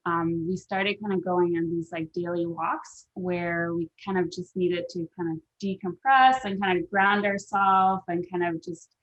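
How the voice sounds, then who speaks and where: A woman's voice: on the low side, fairly even intonation, unhurried, hardly any pauses, fairly bright tone. A woman from Denmark, a guest on a video-call interview, talking hesitantly with lots of fillers. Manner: hesitant, many fillers like kind of and um. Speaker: guest, deck co-creator. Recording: dull lo-fi call audio.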